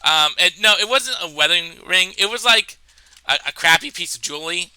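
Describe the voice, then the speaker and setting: A man tells a funny story from his own life, rambling and animated, with plenty of fillers and restarts. His voice sits high and sounds very sharp and edgy, and his nose is a bit stuffed up. The sound is dry and close, with no room echo. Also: moderate pace, clear, resonant tone. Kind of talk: comedic personal story.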